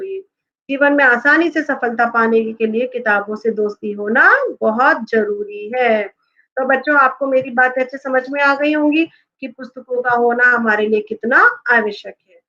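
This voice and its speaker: A woman's voice: on the high side, normal speed, sharp tone, muffled recording. A woman teacher explaining a lesson to children, often asking them rhetorical questions. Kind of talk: classroom lesson talk to children.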